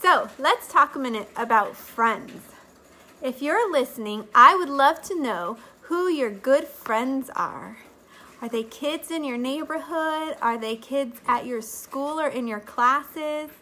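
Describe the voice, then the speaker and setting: A woman in her thirties, slightly stuffy from allergies, teaches a children's Bible lesson to camera in a sing-song teacher voice, filmed close up on a webcam or phone in her living room. Her voice sits high and sounds animated, bright, and forceful, and she takes it slowly, with a faint hiss or hum in the background.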